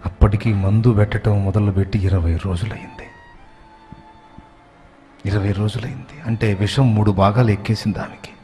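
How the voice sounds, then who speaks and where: Guy preaching a story, gets loud and worked up, soft music behind. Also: fairly even intonation, normal speed, pauses often. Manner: dramatic narration rising to loud, high emphasis. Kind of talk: sermon storytelling.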